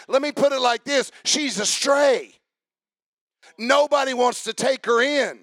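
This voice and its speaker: A man preaching a sermon to a congregation, asking them questions and rising into a chanted, shouted preaching cadence. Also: very high-pitched, no echo, studio quality.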